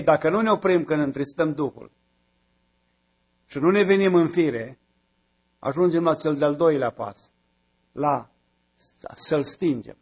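A man's voice: a little high, husky. A man preaching a sermon, building to emphatic repeated phrases.

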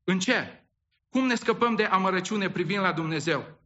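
A man's voice: high voice, a bit bright, muffled recording. A man preaching a sermon as pastor, asking the congregation rhetorical questions and often repeating and restarting his words.

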